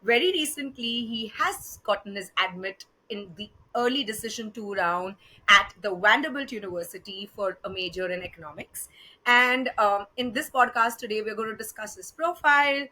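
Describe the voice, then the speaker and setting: A woman's voice: mid-range voice, moderate pace, pushed and bright, low-quality recording. A woman with an Indian accent hosting a podcast interview in a conversational, effusive and encouraging way. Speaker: podcast host.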